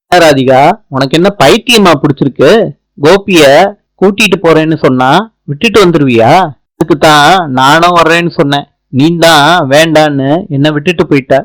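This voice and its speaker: A man's voice: on the high side, normal speed, pauses often, a bit bright, no echo, lightly acted, rough recording. A man reading the lines of an angry, scheming middle-aged mother-in-law in a scolding, indignant way.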